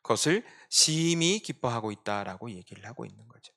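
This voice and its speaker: A male pastor delivering a Sunday sermon in church. He swings between quiet, reflective asides and sudden emphatic outbursts. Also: mid-range voice, animated, fairly quick.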